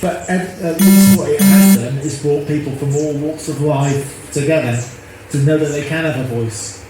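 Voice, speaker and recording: A man in his fifties, an activist, speaks earnestly in a casual interview, rambling and repeating himself. His voice is on the high side at normal speed, heard over music in an echoey, noisy phone recording.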